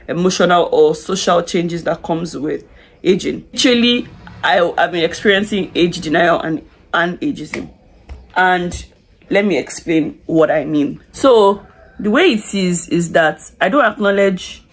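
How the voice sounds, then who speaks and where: In a small indoor room with curtains, a woman in her twenties does her makeup and talks confidingly to a camera set close in front of her. Her pitch is fairly low, and this beauty vlogger's get-ready-with-me chat is loose, with lots of "like" and restarts.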